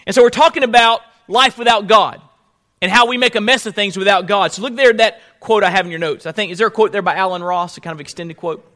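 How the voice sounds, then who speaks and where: A male pastor delivers a sermon in a high, bright voice. He speaks forcefully and deliberately, repeating his main phrases for emphasis and turning to his listeners with rhetorical questions. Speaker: pastor preaching. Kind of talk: sermon to a congregation.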